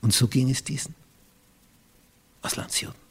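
A man with an Austrian accent preaching a sermon as pastor, swinging from loud emphatic peaks down to hushed near-whispers. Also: moderate pace, big-room sound.

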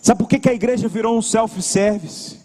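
A young man with a Brazilian accent preaches a sermon in a church. His voice sits high for a man, and he tells his stories with energy, slipping into voices to act out what people say. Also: moderate pace, big-room sound. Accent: Brazilian Portuguese. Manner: lively storytelling, acts out what people say.

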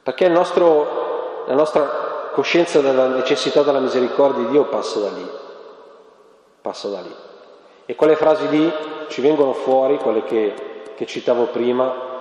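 A man's voice: medium pitch, moderate pace, pauses often, a little mellow, lo-fi sound. A man preaching a conversational sermon during spiritual exercises, ironic and asking his listeners questions. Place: parish church. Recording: echoey church hall.

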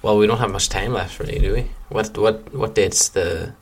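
A man's voice: lowish voice, normal speed, breathy edge. A man with a Donegal Irish accent co-hosting a podcast in casual fan chat, with a rambling, jokey way of talking. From County Donegal, Ireland. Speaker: podcast co-host.

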